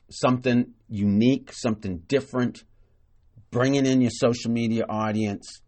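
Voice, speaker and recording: With a mid-range, slightly mellow voice, a male host delivers a solo marketing monologue for his podcast. He sounds casual and enthusiastic, heaping praise and often restarting or using fillers.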